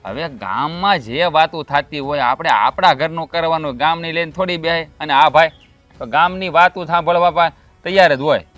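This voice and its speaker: An actor playing a short-tempered, defensive elder brother and farmer, speaking with a Kathiawadi Gujarati accent. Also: male voice, a little high, fairly bright tone, faint music behind, lightly acted. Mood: justifying. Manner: defensive and quick to snap. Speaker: elder brother in a land feud. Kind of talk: rural family drama acting.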